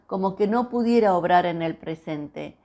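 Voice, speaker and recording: A woman's voice: on the low side, normal speed, dark tone. Woman teaching a devotional on muffled audio. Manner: conversational, asks the listener questions. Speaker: preacher. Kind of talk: scripture reading and devotional teaching.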